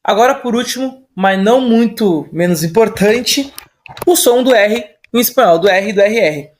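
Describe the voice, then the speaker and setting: A man's voice: high-pitched, animated, moderate pace, slight background noise. A man with a Brazilian Portuguese accent teaching an online Spanish lesson in a casual, explanatory way, often checking in with tag questions.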